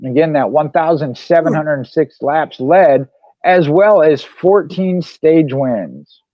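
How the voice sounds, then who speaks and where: A man co-hosting a racing podcast, chatting casually and slowing down to read figures. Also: a little high, no echo. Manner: conversational, reads figures slowly. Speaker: podcast co-host. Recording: dry dull lo-fi mic.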